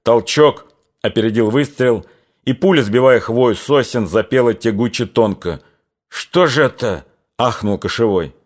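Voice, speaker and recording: A man narrating a literary novel in a measured, even reading. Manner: measured, even reading that drops lower and quieter in somber passages. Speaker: audiobook narrator.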